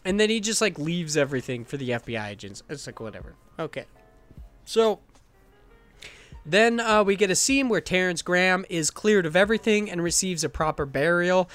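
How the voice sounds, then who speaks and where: A man's voice: sits high, animated, moderate pace, fairly bright tone, soft background music. A man co-hosting a podcast, recapping a movie in a sarcastic, profane, rambling way. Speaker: podcast co-host reviewing a movie. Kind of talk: casual chat.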